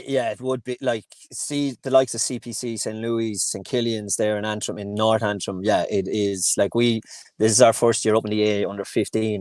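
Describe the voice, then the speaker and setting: A man's voice: fairly low pitch, darkish tone, no echo. A man from Kilkenny with an Irish accent, chatting casually as a podcast guest, rambling with many restarts and fillers. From Ireland, Kilkenny. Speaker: guest, hurling coach in Antrim.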